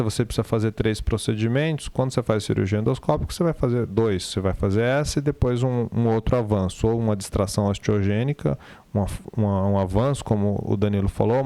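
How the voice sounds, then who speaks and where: A man's voice: fairly low pitch, mellow, no echo. A man with a Brazilian accent giving an informal surgical case presentation, conversational and explanatory, often rephrasing himself.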